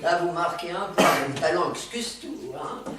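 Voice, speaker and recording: A woman's voice: fairly low pitch, heavy background noise, natural voice. An actress playing an exuberant older woman, a former actress, who talks in a chatty, theatrical way on a theatre stage. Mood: lively. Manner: chatty, theatrical, quick-witted. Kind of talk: stage comedy performance. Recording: roomy stage sound from far off.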